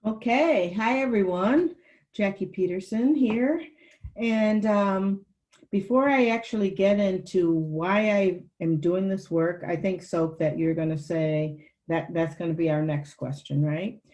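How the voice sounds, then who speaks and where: Older woman educator, measured and friendly, slow delivery. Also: medium pitch, darkish tone, muffled recording. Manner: measured, friendly introduction with fillers. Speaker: college administrator and educator. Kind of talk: roundtable discussion.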